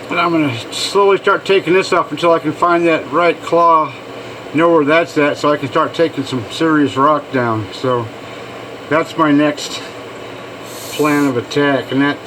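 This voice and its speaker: A man giving a casual hands-on demonstration, thinking aloud informally as he works, with machine noise behind him. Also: a little high. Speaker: fossil preparer showing own work. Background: machine hum.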